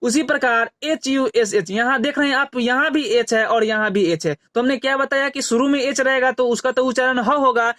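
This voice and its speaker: A man's voice: very high voice, normal speed, hardly any pauses, fairly bright tone, no echo, clean studio sound. A man teaching English pronunciation. He spells words out letter by letter and keeps asking and then answering his own questions. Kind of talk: phonics lesson.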